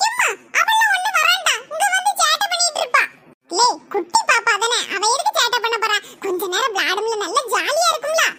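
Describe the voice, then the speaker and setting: A performer voicing bickering small village children in a cartoon, with a Tirunelveli-Kanyakumari Tamil accent and a shrill, teasing manner. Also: sing-song, fairly quick, pushed and bright, dry recording, clean studio sound, heavily acted. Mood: squabbling. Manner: shrill, squabbling, teasing banter. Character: bickering small village kids, boy and girls. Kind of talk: cartoon voice acting. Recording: noisy cartoon audio.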